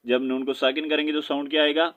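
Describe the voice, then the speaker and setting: A man with a Pakistani Urdu accent teaching a Quran lesson, spelling out syllables slowly and chanting verses in a drawn-out melody. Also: fairly high pitch, level tone, a bit bright.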